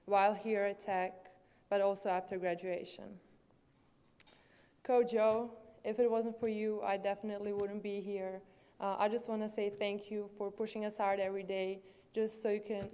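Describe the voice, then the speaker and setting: A woman's voice: medium pitch, dark tone, smooth. Young Serbian-accented woman giving a speech. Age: 20s. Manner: earnest, with fillers and hesitations. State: swollen lip. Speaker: student athlete. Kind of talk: prepared banquet speech.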